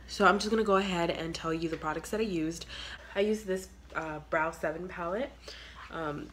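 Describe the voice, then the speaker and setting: A young woman beauty vlogger chats through a casual makeup tutorial, her nose stuffy and congested, filling her speech with fillers and trailing off into near whispers. Filmed on a phone camera at arm's length in a small bedroom, her low, slightly bright voice comes with a little hiss or hum.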